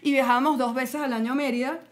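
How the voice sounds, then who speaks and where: Young venezuelan woman from caracas, high pitched, talks super fast, playful. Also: steady tone. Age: 20s. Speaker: podcast guest. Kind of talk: casual chat.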